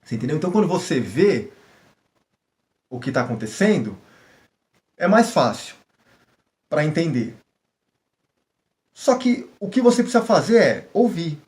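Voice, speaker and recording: A man's voice: fairly high pitch, big pitch swings, normal speed, long pauses, darkish tone. A middle-aged Brazilian man with a Brazilian Portuguese accent who talks casually in a language-learning vlog, slipping English words into his examples and acting out small scenes. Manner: chatty, switches into English for examples, acts out little scenes.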